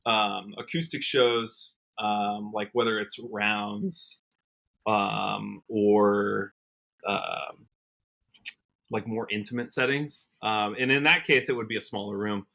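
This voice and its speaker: In a relaxed podcast chat, an American musician guest, a country singer-songwriter from Washington state, talks slowly and reflectively, figuring things out aloud. His fairly low voice has a creaky quality and fairly even intonation, yet still sounds bright and forceful.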